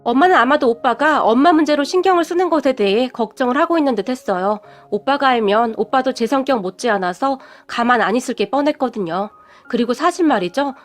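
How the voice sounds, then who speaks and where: Young female storyteller, earnest and fiery, high-pitched, faint music bed. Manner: earnest, quick to anger. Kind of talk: scripted radio-story narration. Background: faint background music.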